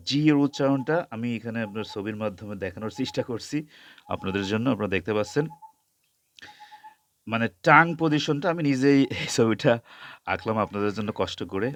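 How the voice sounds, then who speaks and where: A man teaching English pronunciation, spelling out sounds slowly and repeating each word several times. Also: fairly low pitch, a little hiss or hum. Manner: mixes Bengali explanation with English words. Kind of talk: slow spoken lesson, spelling out sounds.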